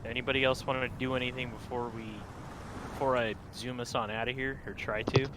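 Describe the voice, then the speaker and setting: A man's voice: mid-range voice, flat delivery, brisk, background noise. A man acting as game master in a casual tabletop game session, teasing his players with crude jokes.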